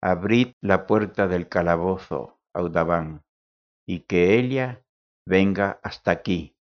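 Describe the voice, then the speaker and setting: A man voicing a gentle, compassionate young woman who speaks softly and formally. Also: low voice, takes it slowly. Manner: soft, pleading formal speech. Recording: dull lo-fi recording.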